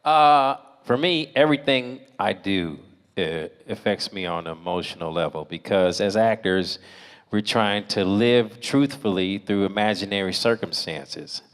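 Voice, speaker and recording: A male voice actor answering fan questions on a convention panel, animated and playful. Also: lowish voice, measured pace. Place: large convention hall. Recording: echoey convention hall.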